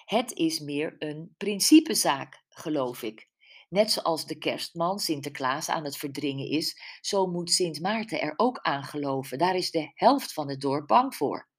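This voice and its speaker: A woman voicing a calm young woman who explains a village matter plainly, read in an audiobook. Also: sits low, measured pace. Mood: measured.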